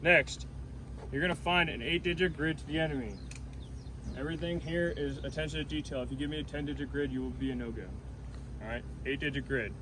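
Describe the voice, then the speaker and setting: A man's voice: fairly high pitch, fairly even intonation, brisk. A man instructing trainees on an artillery call for fire, emphatic and directive, repeating key points. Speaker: military instructor. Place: outdoors under camouflage netting in a field. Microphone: phone held among the seated trainees. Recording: noisy outdoor phone recording.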